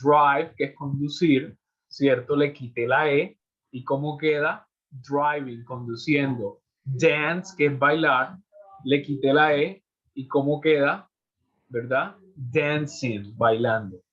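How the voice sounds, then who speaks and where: In a muffled, lo-fi recording, a man teaches an English class in Spanish, going through the rules step by step and checking in with his students after each point. His voice is medium in pitch and fairly bright, and he speaks slowly.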